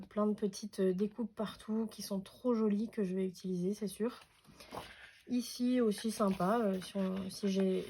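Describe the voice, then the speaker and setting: Soft-voiced woman chatting. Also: medium pitch, slight background noise. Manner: hesitant, many fillers and restarts. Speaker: craft vlogger. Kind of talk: casual unboxing chat.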